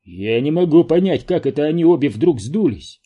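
A man's voice: fairly high pitch, expressive, normal speed, slightly rough, lo-fi sound, voice pushed up. A man doing a weary, matter-of-fact driver. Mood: grim. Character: weary male vehicle driver.

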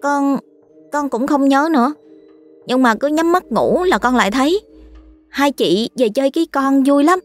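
Narrator's put-on small boy, stubborn, whiny pleading, lifted high, audiobook. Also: expressive, moderate pace, faint music behind. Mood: earnest.

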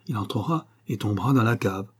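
A man voicing a rough hired thug who answers in short, blunt phrases, with a husky voice. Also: on the low side, animated, fairly quick. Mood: gruff, blunt. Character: rough male hired thug, eager, slow on the uptake.

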